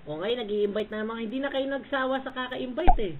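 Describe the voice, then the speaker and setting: A man's voice: very high voice, moderate pace. Taunting man on a tinny voice chat. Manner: taunting and bossy, repeatedly barking short orders and "ha?". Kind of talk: casual trash talk in an online voice chat. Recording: tinny voice-chat line with faint hiss.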